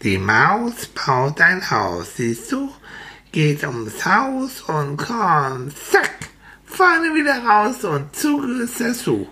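A woman's voice: deep voice, huge pitch swings, extremely slow, pushed and bright, a little hiss or hum, voice pushed up, exaggerated voice. Woman doing a chirpy cheerful sparrow. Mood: coaching. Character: cheerful helpful male sparrow.

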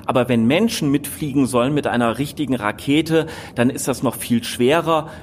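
A man's voice: medium pitch, moderate pace. A male expert with a mid-range voice explains things to children in simple, informal terms. He is patient and plain-spoken, with faint noise in the background. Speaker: astronomy expert, interview guest.

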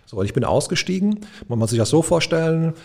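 Middle-aged man telling a lively story. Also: fairly high pitch, fast, gravelly. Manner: lively, colloquial, humorous anecdote-telling. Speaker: guest, de-escalation trainer. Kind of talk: conversational podcast storytelling.

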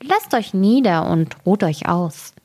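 A woman reading a storybook, voicing a scheming old witch who acts falsely friendly, with a slow, rasping delivery. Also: mid-range voice, sing-song, a little mellow, full character voice. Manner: slow and drawn out.

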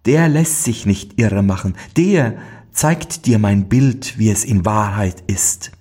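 A man voicing a cursed young princess in a storybook fairy tale, gentle and mournful. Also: on the low side, slow, husky. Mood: sorrowful. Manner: mournful, pleading.

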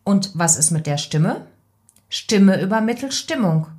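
Slow, deliberate woman voice coach. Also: mid-range voice. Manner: calm, deliberate, gives direct advice. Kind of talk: instructional podcast tips.

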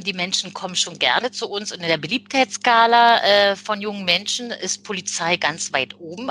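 A woman police official answering interview questions in a measured way, with many fillers and pauses. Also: medium pitch, bright, forceful tone.

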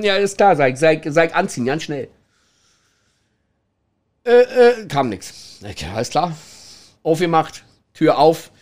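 A middle-aged man, telling anecdotes in a chatty way, laughing often and checking in with the listener. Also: a little high. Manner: chatty, laughs a lot, tags lines with "ne?". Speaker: former toilet attendant telling stories.

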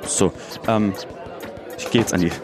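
Deadpan young man, lots of fillers. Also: on the low side, a little slow, music in the background, a crowd in the background.

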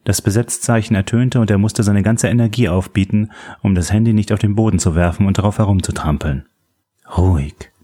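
A man reading a thriller audiobook in a steady, suspenseful narration. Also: on the low side, brisk, hardly any pauses. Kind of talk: scripted narration.

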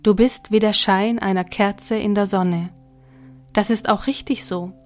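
A woman voicing a calm, kindly God. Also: mid-range voice, unhurried, soft background music, lightly acted. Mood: gentle. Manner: calm, gentle, explaining. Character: kind patient God, calm and smiling.

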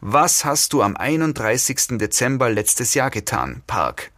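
Rough, irritable kidnapper, read by a man. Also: medium pitch, big pitch swings, unhurried, pushed and bright, no echo, studio quality. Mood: menacing. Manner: gruff, hissing. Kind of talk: audiobook reading.

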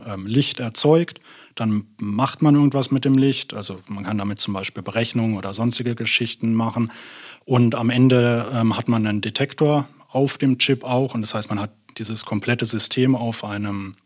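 A man's voice: fairly low pitch, moderate pace. Hesitant young man explaining research. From Germany. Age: young adult. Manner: hesitant, many fillers, explaining. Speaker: guest, doctoral student. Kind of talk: casual interview.

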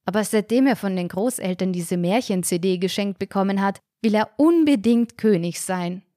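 A woman reading a first-person storybook aloud in a lively, wry way. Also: medium pitch, normal speed, no room sound, clean studio sound. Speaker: audiobook reader.

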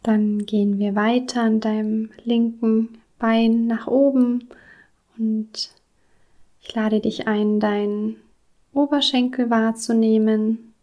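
Slow, soothing woman guiding meditation. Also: on the high side, little pitch movement, dull audio. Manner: slow, soothing, with soft breathy whispered words. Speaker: meditation guide. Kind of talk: guided body scan meditation.

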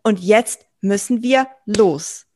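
A woman's voice: mid-range voice, slow pace, a little mellow, dry recording. Thoughtful woman host, dry sound. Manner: thoughtful, searching for words. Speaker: interview host. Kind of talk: conversational interview.

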